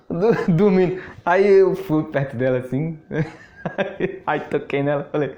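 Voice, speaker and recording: A man's voice: on the high side, slow, darkish tone. A man, a network marketing mentor telling a story in a casual, chatty way, often laughing and repeating words. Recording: echoey room.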